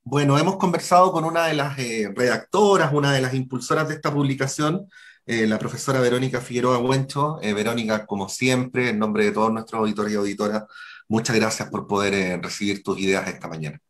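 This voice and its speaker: A man's voice: medium pitch, a little fast, fairly bright tone. A man hosts a radio interview with a mid-range voice. He talks in a friendly, conversational way, thanking his guest and announcing the time like a morning radio host. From Chile.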